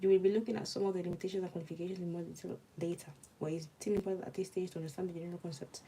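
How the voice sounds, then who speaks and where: The voice is lowish, mellow and husky, racing along with little pitch movement, and the recording is rough. She's a young Nigerian woman studying law, speaking with a Nigerian accent as she murmurs her notes and talks to viewers on a casual livestream.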